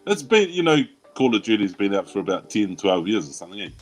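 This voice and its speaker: Young man Kiwi co-host with a lively, bouncy voice, rambling and laughing, faint music behind. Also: on the low side, fast. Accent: New Zealand English. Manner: rambling storyteller, laughs a lot. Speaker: livestream co-host. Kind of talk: casual group chat.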